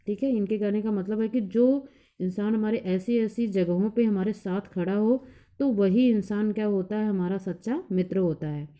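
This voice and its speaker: Woman teacher, very dark and mellow voice, slow verse recitation, plain repeated explanations, coaching class lesson. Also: mid-range voice. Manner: recites verses slowly, then explains them in plain speech; repeats each point several times.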